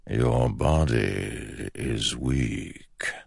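A man reads an ancient male shadow spirit for an audiobook, coaxing and menacing. The voice is extremely deep and gravelly, drawn out slowly and softly, slipping into whispers. It is recorded close and dry. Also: no echo, exaggerated voice. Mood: cold. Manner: slow, hushed and purring, sometimes whispered. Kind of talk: audiobook character voice.

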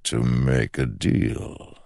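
A man reads an ancient male shadow spirit for an audiobook, coaxing and menacing. The voice is extremely deep and gravelly, drawn out slowly and softly, slipping into whispers. It is recorded close and dry. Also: level tone, no echo, full character voice. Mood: patient. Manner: slow, hushed and purring, sometimes whispered. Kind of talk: audiobook character voice.

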